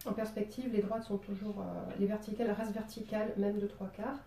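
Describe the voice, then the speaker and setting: A woman's voice: mid-range voice, level tone, fairly quick, dark tone, recorded from a distance, slight background noise. Chatty southern French woman, roomy sound. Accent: southern French (Marseille). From Marseille, southern France. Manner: chatty, playful, lots of fillers. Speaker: drawing teacher. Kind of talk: drawing tutorial. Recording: roomy sound, voice away from the mic.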